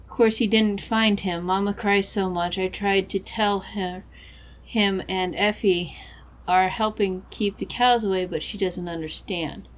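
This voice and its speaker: A woman's voice: mid-range voice, fairly even intonation, unhurried, dull audio, natural voice. A woman voicing a naive, uneasy young country girl, reading her diary aloud in a game. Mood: sad, reluctant.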